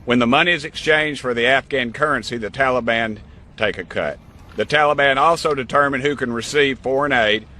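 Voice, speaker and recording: Bright-voiced indignant man. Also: mid-range voice, brisk. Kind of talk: political commentary.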